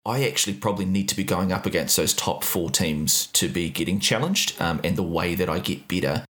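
Deep-voiced podcast host man. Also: a bit bright. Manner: measured, probing, many fillers. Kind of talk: casual podcast interview.

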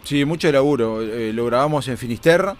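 Rambling guitarist, fillers galore. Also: male voice, medium pitch, a little fast, faint music behind. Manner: rambling, many fillers like "este" and "viste". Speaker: guest guitarist. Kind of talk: casual radio interview chat. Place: radio studio.

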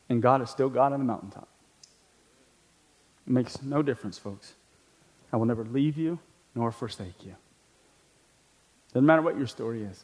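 A man preaching a sermon as pastor, talking conversationally with questions to the listeners, then climbing to emphatic peaks and dropping low. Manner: laughs between points, asks the congregation questions.

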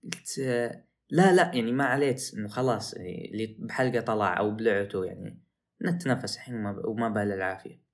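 A young man, hosting a podcast and telling a story in a casual, animated way that rises into excited outbursts. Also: on the low side, fast talker. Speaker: podcast host.

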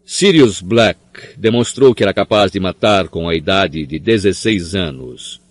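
A man's voice: deep voice, animated, unhurried, no echo. A man doing a sneering cold professor. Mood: contemptuous. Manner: sneering, snarling. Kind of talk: audiobook character voice.

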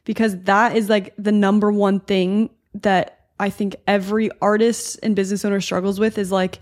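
A woman co-hosting a podcast in a chatty, affirming way, with lots of "like" and quick agreement. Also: medium pitch, flat delivery, darkish tone. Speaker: podcast co-host. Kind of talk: casual podcast chat.

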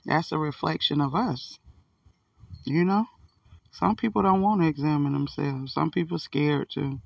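A spiritual self-help vlogger gives a casual, earnest, folksy motivational chat outdoors, occasionally swearing, his speech slightly impaired by a toothache. His voice is a little high and gravelly, captured by a distant mic with no echo.

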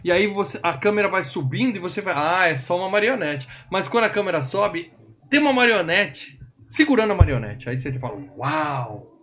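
A man's voice: sits high, lively intonation, a little fast, bright, forceful tone. A man co-hosting a casual film podcast, chatty and joking with wry asides. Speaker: podcast host.

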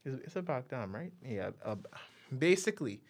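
A man's voice: medium pitch, very animated, moderate pace. A man from Guyana, a guest telling stories in a casual, laid-back conversation.

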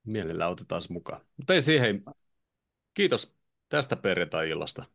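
A Finnish man hosts a relaxed podcast conversation. His voice sits very low, and the recording is dry with no room echo. He talks in an easygoing, chatty way. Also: creaky. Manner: wraps up the show, chatty. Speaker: podcast host. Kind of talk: casual chat.

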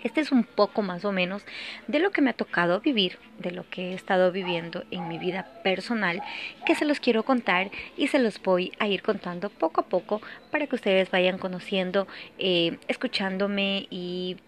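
A woman's voice: medium pitch, normal speed. Give me a woman in a mid-range voice confiding her own story on a podcast, earnest and hesitant. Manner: earnest, repetitive phrasing, many hesitations. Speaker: podcast host sharing personal story. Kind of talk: personal testimony, confiding monologue.

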